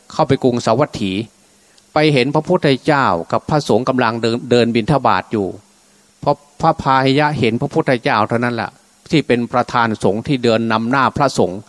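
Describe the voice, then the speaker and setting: A man's voice: mid-range voice, brisk. Man, a monk telling a sermon story. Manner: colloquial, acts out dialogue in his own voice. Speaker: Buddhist monk giving a Dhamma talk.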